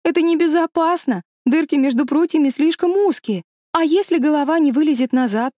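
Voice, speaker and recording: A woman's voice: high-pitched, moderate pace, mellow, no echo, studio quality, voice pushed up. A woman reading an audiobook, voicing a timid, anxious little girl who begs her friend to be careful. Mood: pleading. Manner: pleading, begging, frightened. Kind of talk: audiobook character voice.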